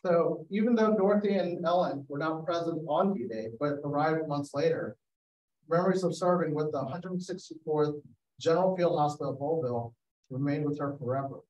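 A man presents a storytelling slideshow by video call as a guest photographer, relaying anecdotes and dramatizing quotes. His voice is a little high and a little mellow, delivered at a moderate pace. The highs are cut off, and the distant mic makes the call sound roomy.

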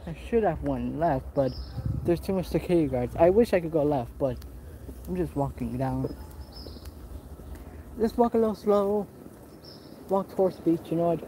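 A vlogger with a slightly high male voice holds a phone camera while walking on an outdoor resort path, rambling at moderate pace with long pauses, cursing, and often restarting or breaking off mid-sentence. Steady outdoor noise runs under the low-quality audio of this casual walking vlog.

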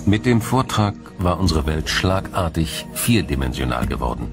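A low-voiced man reads scripted documentary narration, explaining things formally and in a measured way, one careful sentence at a time, over faint background music. He is also very animated.

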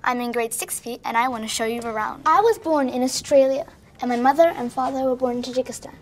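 A woman's voice: a little high, quick pace, a little hiss or hum. A ten-year-old girl acting as a student guide, chatting her way through a school tour. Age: teens. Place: school hallways and classrooms.

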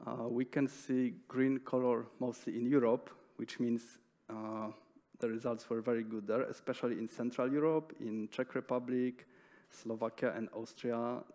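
Young male conference speaker, headset mic, hesitant but steady technical delivery. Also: medium pitch. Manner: measured, with frequent hesitations and fillers. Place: conference stage in a large hall.

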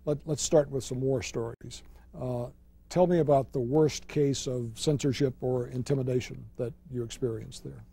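A man hosting a televised panel discussion in a studio, making formal introductions and asking questions in a measured way. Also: mid-range voice, steady tone, creaky, mellow, husky. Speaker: host, moderator. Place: TV studio with audience.

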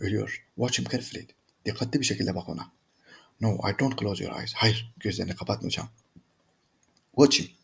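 A man's voice: lowish voice, gravelly, slightly rough. A man teaching, who reads a story in English, then translates and explains each line, often turning to his listeners as friends. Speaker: English teacher reading and translating a graded reader. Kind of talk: reading aloud in English and translating into Turkish.

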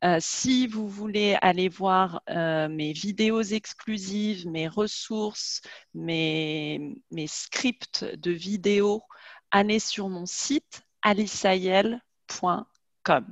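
A woman's voice: medium pitch, takes it slowly, no room sound. A woman in her forties hosting a casual video call interview on a headset, chatty and laughing often. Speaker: host and French teacher. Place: home room, video call.

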